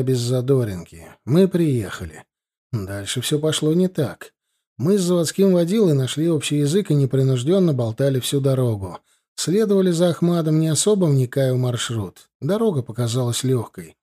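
A man narrating a first-person story as an audiobook, telling it in a lively way. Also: mid-range voice, breathy edge.

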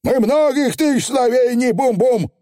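A squealing, cocky little warrior chief from a storybook, yelling in a mangled dialect, his voice jumping very high and loud. The sound is dark and mellow, with wild swoops of pitch. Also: animated, measured pace, dry recording, clean studio sound. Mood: indignant. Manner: shouty broken dialect speech. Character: tiny rowdy blue-skinned male clan chief, boastful and hot-headed.

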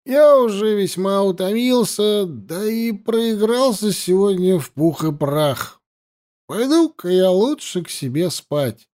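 A drunk, weary French officer, tired and swaying as he speaks, his voice pushed well up in pitch, as a man puts him on for an audiobook. He sounds worn out. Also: expressive, takes it slowly, a little mellow. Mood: tipsy farewell. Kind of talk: audiobook reading.

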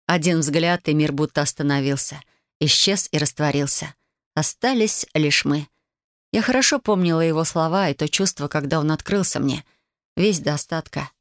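Woman narrator, lowish voice, even audiobook reading, dry close sound. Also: no room sound. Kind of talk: first-person scripted narration.

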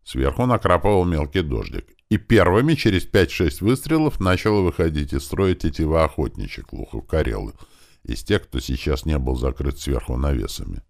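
A man narrating an audiobook in a lively way, raising his voice for the characters' battle commands. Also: extremely low pitch, moderate pace, vocal fry.

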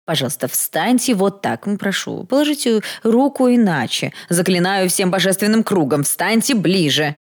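A woman's voice: deep voice, sing-song, brisk, darkish tone. A woman voicing a fussy male court photographer who keeps pleading and gushing over his subjects. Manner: begging, gushing, theatrical.

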